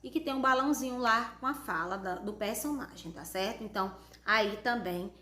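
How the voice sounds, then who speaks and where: Brazilian woman teacher, high-ish voice, patient step-by-step homework review, roomy echo. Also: moderate pace, bright, forceful tone. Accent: Brazilian Portuguese. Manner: patient, step-by-step, checking in with "tá certo?". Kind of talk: correcting homework for children.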